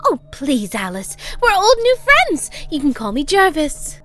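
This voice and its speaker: A woman voicing an obsessive, giddy female Hatter who speaks in a high, sing-song voice. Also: huge pitch swings, unhurried, a bit bright, soft background music, heavily acted. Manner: high giggly sing-song, abrupt shifts.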